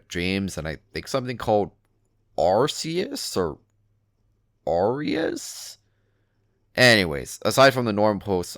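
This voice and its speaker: Bright, forceful low-voiced man narrating casually. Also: clean tone, dry recording, studio quality. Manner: casual, sweary, emphatic. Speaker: narrator reading a written forum post aloud. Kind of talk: dramatic reading of an internet horror story, conversational first-person narration.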